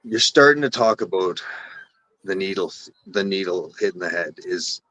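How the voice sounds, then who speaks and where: A man's voice: deep voice, animated, moderate pace, bright, forceful tone, no room sound. A man with a Canadian accent, a guest on a casual live stream, talking in rambling, self-correcting runs and swearing casually. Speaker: guest cannabis breeder.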